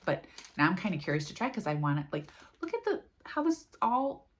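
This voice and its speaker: A woman's voice: on the low side, big pitch swings, fairly quick, slight background noise. An American woman chatting casually about her cross-stitch project, rambling and dropping lots of fillers. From United States. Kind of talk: casual chat.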